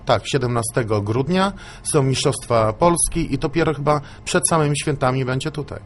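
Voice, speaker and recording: A man's voice: medium pitch, moderate pace. Rambling middle-aged man telling stories. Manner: rambling storyteller, repeats "mówi" often. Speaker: father of a swimmer, interviewee. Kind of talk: casual interview talk.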